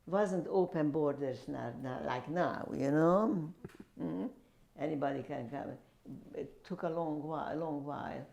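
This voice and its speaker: An older woman being interviewed about her years as a refugee, speaking haltingly and repeating her words. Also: low voice, vocal fry, dark tone. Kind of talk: oral history interview.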